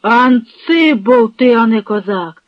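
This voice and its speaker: A reader voicing a fierce Cossack leader who shouts scornful commands, in an audiobook. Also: mid-range voice, takes it slowly, dry recording. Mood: angry. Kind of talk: audiobook reading with character voices. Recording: dry, dull lo-fi recording.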